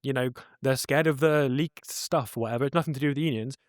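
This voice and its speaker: A man's voice: medium pitch, fast talker, no echo, studio quality. A man co-hosting a podcast, talking earnestly and rambling with many self-corrections. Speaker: podcast co-host. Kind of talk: casual chat.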